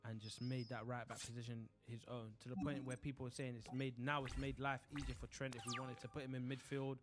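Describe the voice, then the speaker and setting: A man's voice: medium pitch, little pitch movement, quick pace. A man talking casually and chattily about football. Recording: music clearly behind the voice.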